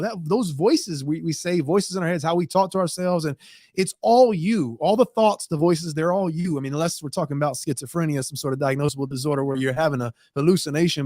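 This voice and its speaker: A man's voice: high-pitched, darkish tone, no room sound, clean studio sound. A man giving an earnest, emphatic motivational talk on a talk show, pushing his voice up for emphasis. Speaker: guest segment presenter.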